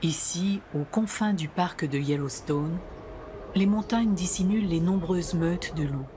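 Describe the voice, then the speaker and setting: A woman's voice: on the low side, a little slow, background noise. A woman reading scripted nature documentary narration. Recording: music behind the voice. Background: background music.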